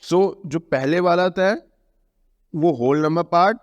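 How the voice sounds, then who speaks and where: Slow-paced and slightly high-voiced, this math teacher speaks with an Indian English accent, mixing English terms into Hindi as he explains a lesson. He keeps asking questions and answering them himself while repeating key terms, all under a long reverb.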